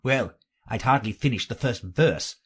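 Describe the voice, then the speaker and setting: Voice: mid-range voice, measured pace, husky. A reader voicing an eccentric, mournful and argumentative storybook man who explains himself in a theatrical, insistent manner.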